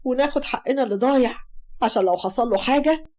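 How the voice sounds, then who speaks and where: A woman's voice: sits high, expressive, quick pace. Woman doing a harsh scheming mother. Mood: scolding. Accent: Egyptian Arabic. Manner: sharp, scolding.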